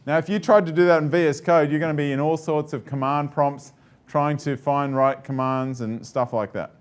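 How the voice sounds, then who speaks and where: A man's voice: a little high, fairly even intonation, normal speed, clear, resonant tone. Chatty man giving a live tech talk. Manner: chatty, joking, with many fillers and restarts. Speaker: presenter. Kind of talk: live tech presentation to an audience.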